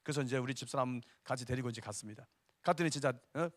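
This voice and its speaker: A man in his fifties, a pastor teaching an evangelism seminar, who tells stories and keeps prompting his listeners with a quick "eh?". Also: medium pitch, no echo. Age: 50s. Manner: animated storytelling, constant tag "eh?" to the audience. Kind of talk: evangelism seminar lecture with storytelling.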